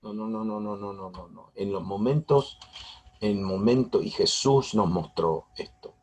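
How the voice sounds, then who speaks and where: A middle-aged man preaches a sermon in a husky, breathy voice. He sits fairly low in pitch and drives his points home by repeating phrases and restarting mid-sentence. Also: measured pace, darkish tone. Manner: emphatic, repetitive preaching with many restarts. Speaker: pastor.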